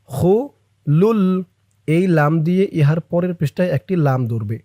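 A man's voice: fairly high pitch, animated, dark tone, no room sound, clean studio sound. A man teaching Quran reading who chants verses and breaks them into syllables, repeating them for learners. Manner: measured chanting recitation. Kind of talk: Quran reading lesson, recitation and spelling drills.

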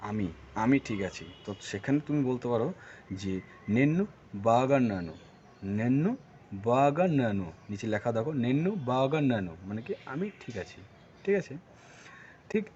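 A man from Bengal teaches a casual video language lesson. He says each word slowly several times and keeps checking in with the viewer. The recording is dull and lo-fi, with a faint hiss behind it. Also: mid-range voice, animated, darkish tone. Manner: repeats words slowly with many check-ins.

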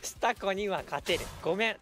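A man giving lively live commentary while streaming a game, breaking into quick shouted reactions and laughs. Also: high voice, over music.

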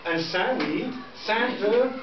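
A middle-aged man from southern England, a native English speaker with an English accent, teaching a school class in simple, halting phrases with repetitions. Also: high-pitched, expressive, music in the background. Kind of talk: classroom lesson. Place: indoor school classroom with pupils. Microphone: distant camera microphone. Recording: echoey noisy classroom, muffled, from far off.

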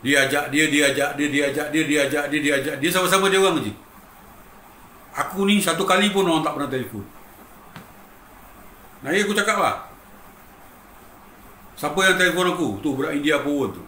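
A man's voice: a little high, brisk, long pauses, sharp tone, a little hiss or hum. A middle-aged Malaysian man with a Malaysian accent, a guitarist telling his own story in an emotional, emphatic way and often addressing the listener as "bang". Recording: roomy echo with faint ambience.

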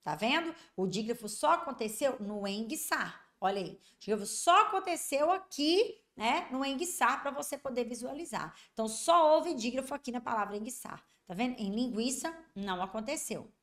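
A Brazilian woman teaching a Portuguese grammar lesson for exam candidates. She keeps checking that students follow and draws out example words slowly. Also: fairly high pitch, lively intonation, fairly bright tone. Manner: repetitive, constantly checking understanding.

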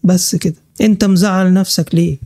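High-voiced combative Egyptian man, dry sound. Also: steady tone, dark tone, dry recording. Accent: Egyptian Arabic. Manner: combative, scolds hostile commenters; brisk list-reading walkthrough. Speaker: crypto channel host. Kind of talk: screen-share vlog commentary.

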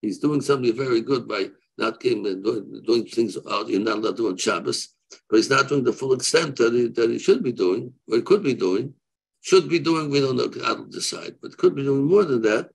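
A man in his seventies, a rabbi answering questions off the cuff on a video call, haltingly repeating and rephrasing as he weighs both sides. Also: medium pitch, vocal fry, breathy edge, poor audio. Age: 70s. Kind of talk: unscripted religious question-and-answer. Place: room, seated on a video call. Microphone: video call microphone.

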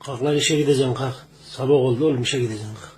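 A man doing a gruff, bossy grown man. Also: mid-range voice, steady tone, very fast, darkish tone, soft background music, voice pushed down, natural voice. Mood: bossy, grumbling. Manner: bossy and grumbling. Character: gruff grown man rousing someone for work.

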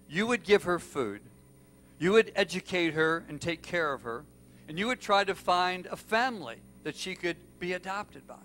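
Man doing a frail dad begging, stumbling over words, somewhat high voice. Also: fairly bright tone. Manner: pleading, halting and broken. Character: frail, desperate father, a sick man pleading.

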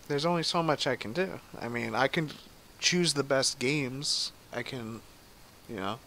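Man, game streamer, casual chatter, swears freely, bright forceful voice, reads chat aloud. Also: mid-range voice, slight background noise. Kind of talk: casual live gameplay commentary.

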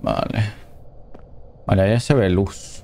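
A man's voice: fairly low pitch, fairly even intonation, slow pace, gravelly, warm tone, slight background noise. A man commentating a horror game as he plays, reading the game's dialogue aloud between casual reactions. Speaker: gameplay commentator. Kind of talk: let's play commentary.

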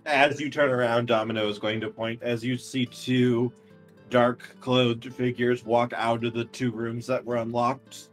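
A man's voice: medium pitch, flat delivery, unhurried. A man narrating a tabletop role-playing game as its game master. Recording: music behind the voice.

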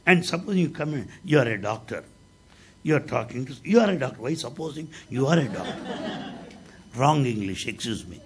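An older man with an Indian accent giving a devotional talk, telling stories with humor and a raspy voice. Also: medium pitch. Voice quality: raspy, gravelly. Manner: animated storytelling with humor. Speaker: spiritual speaker.

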